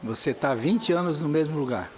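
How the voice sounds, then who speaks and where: A man's voice: a little high, fairly quick, a little hiss or hum. A man hosting an interview in an outdoor square, asking probing follow-up questions and pressing his point. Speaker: interviewer, podcast host. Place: outdoor square with a street fair.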